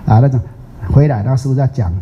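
A man's voice: mid-range voice, fast talker. An older man from Taiwan, a Buddhist teacher giving a chatty, teasing dharma talk, drawing out English words. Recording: muffled lo-fi recording.

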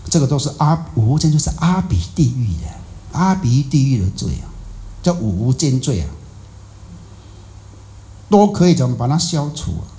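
A man's voice: mid-range voice, dark tone. A man explaining a Buddhist sutra in a loose, conversational lecture, repeating himself with many filler particles and rhetorical questions. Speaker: Buddhist dharma teacher.

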